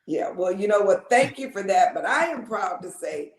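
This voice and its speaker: A woman, chatting as an interview guest, repeating words and filling pauses with ums. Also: medium pitch, expressive, reverberant, slight background noise. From Lake Charles, Louisiana. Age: 50s. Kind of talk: casual interview storytelling.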